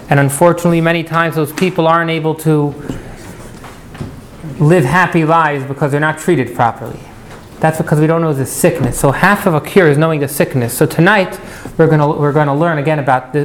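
A man teaching a class as an interactive lecture, putting questions to his students and repeating key points. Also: on the high side. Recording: noisy live classroom recording.

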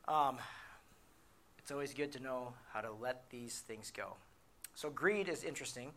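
Middle-aged guy giving a talk, bright voice, gets loud then drops way down when telling his stories. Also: medium pitch. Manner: animated storyteller, shouts in acted quotes, drops to quiet asides. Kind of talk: motivational talk with personal stories.

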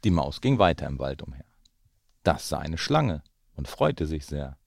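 A man reading a rhyming children's book aloud, slow and expressive. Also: very deep voice, vocal fry, no echo, clean studio sound. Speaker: goalkeeping coach reading aloud.

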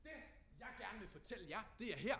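Animated male stand-up comedian, higher voice. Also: creaky. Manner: animated storytelling, acts out quotes with big shouts. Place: comedy stage before a live audience.

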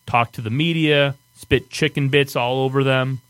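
A man's voice: mid-range voice, fairly even intonation, moderate pace, a bit bright, smooth. A man with a Michigan accent hosting a podcast, telling stories casually in a profane, exasperated manner. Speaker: podcast host. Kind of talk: casual storytelling banter.

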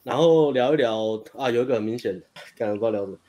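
A man's voice: medium pitch, dark tone. A young man, a dating coach, telling a story in casual chat, rambling and restarting as he goes. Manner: rapid, rambling retelling with frequent restarts and laughs.

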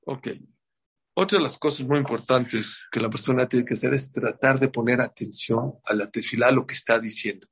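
Here a slightly rough mid-range male voice moves at a moderate pace through a religious class for a group before a holiday. He emphasizes heavily, repeats words, and regularly checks in with "ok?", heard on a dull lo-fi recording.

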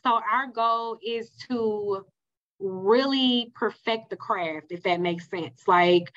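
A woman's voice: medium pitch, slow pace, fairly bright tone, dull audio. A woman from Mississippi with a Southern country accent, speaking conversationally as an interview guest. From Mississippi, United States. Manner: country way of talking. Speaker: podcast guest, school leader.

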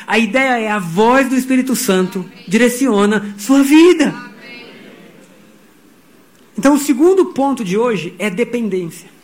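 A middle-aged pastor with a high voice delivers a sermon. He tells stories with energy and voices the people in them. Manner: animated storytelling, voicing quotes.

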